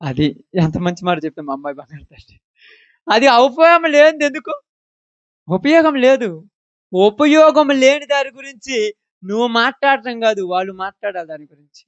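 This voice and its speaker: A man's voice: sits high, a bit bright, clear, resonant tone, no room sound, dull audio. A man preaching a sermon, asking the congregation question after question to drive home his points. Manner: emphatic, asks the congregation questions.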